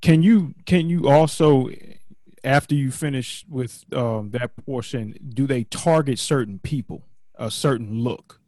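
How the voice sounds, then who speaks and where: A man's voice: mid-range voice, a little slow, a little mellow, dry recording. A male co-host asking probing follow-up questions in a podcast interview.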